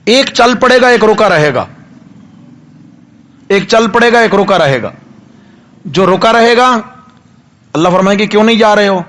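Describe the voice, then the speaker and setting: High-voiced preacher delivering a sermon. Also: male voice, animated, fairly bright tone. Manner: emphatic, repetitive, draws out recited verses slowly. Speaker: mufti preacher.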